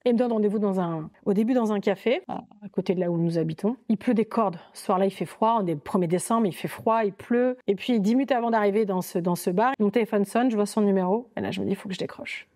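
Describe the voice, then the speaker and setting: A young woman telling her own dating story as a podcast guest, in a lively, chatty way with many fillers and quoted thoughts. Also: mid-range voice, fast.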